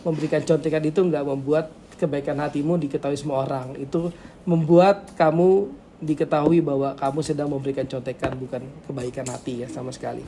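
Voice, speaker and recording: A man's voice: on the high side, steady tone, fairly quick, dark tone, a little hiss or hum. A man teaching students, giving a casual chatty devotion and a closing prayer. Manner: chatty, conversational, frequent tag questions.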